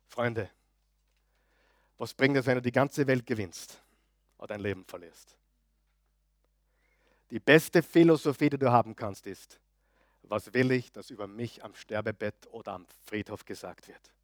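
A male pastor preaching a sermon, swinging between loud declarations and quiet asides and often putting questions to the congregation. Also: mid-range voice, a little slow, pauses often, no echo, studio quality. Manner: asks the audience frequent questions.

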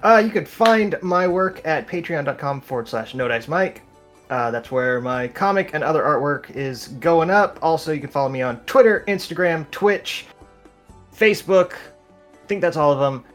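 Higher-pitched man chatting on stream. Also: expressive, moderate pace, faint music behind. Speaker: tabletop player and artist. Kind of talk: casual stream chat.

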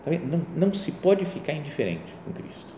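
A male priest with a Brazilian Portuguese accent delivers a sermon in an easy, conversational way. His voice is lively and rises and falls a lot as he leans on rhetorical questions. It rings through a reverberant hall, with faint ambient sound behind him. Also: fairly high pitch, a little fast, slight background noise.

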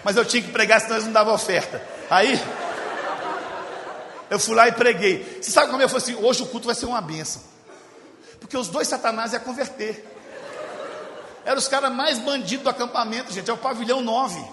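Humorous Brazilian preacher in echoey hall. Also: male voice, very high-pitched, a little fast, pauses often, a crowd in the background, noisy background. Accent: Brazilian Portuguese. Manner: storytelling, jokes with the congregation, shifts from loud to hushed. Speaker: pastor. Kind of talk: humorous sermon. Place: church hall.

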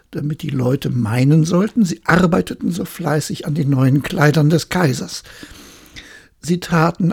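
A woman narrating a fairy tale as a calm, measured bedtime reading for children. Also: deep voice, vocal fry, breathy edge. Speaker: storyteller.

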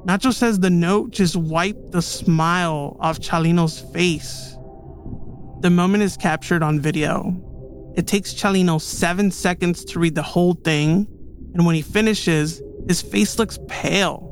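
A man's voice: sits high, unhurried. A man hosting a podcast, telling a true story in scripted documentary narration. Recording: music bed behind the voice.

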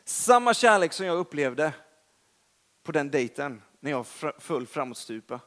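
A young man preaching a sermon in a chatty, storytelling way, self-deprecating and lively in emphasis, with a Swedish accent. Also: a little high.

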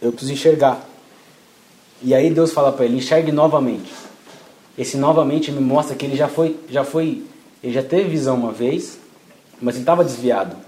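This young preacher delivers a casual, slangy sermon and acts out the prayers he quotes. His medium-pitched voice is mellow and brisk, recorded in an echoey room with faint background noise.

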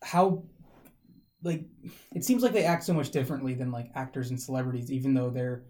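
A man's voice: mid-range voice, fairly quick, darkish tone. A man co-hosting a podcast, talking casually and rambling with many fillers and restarts. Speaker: podcast co-host. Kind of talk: casual chat.

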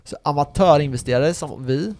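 A young man co-hosting a casual podcast, chatty and relaxed, with lots of fillers. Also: fairly high pitch. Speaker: podcast co-host.

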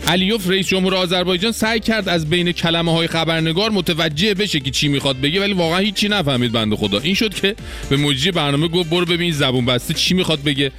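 A man with a high voice delivers mocking satirical commentary as a host. He talks colloquially and sarcastically, with faint music behind him. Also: sharp tone.

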